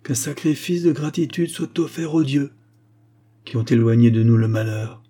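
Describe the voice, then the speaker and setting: A man reading aloud, voicing an aging pharaoh who proclaims gravely to his people. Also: medium pitch, steady tone, a little slow, dark tone. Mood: solemn. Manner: solemn proclamation. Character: old pharaoh, grave and commanding.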